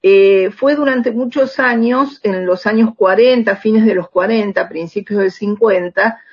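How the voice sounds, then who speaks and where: A middle-aged Argentine woman, a radio drama writer, is a guest in a conversational interview, telling anecdotes and often adding little tag questions to check in. Her medium-pitched voice is slightly rough and a little slow. The recording has a slightly dull, lo-fi sound.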